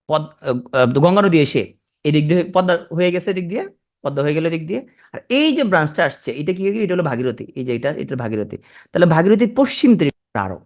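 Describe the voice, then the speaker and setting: A man teaching an exam prep class, talking quickly and repeating key points for his students. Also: fairly high pitch. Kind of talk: classroom lecture.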